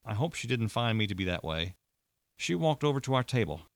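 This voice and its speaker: A man's voice: mid-range voice, very animated, brisk, dry recording. A man narrating a first-person audiobook in a dry, wry storytelling manner.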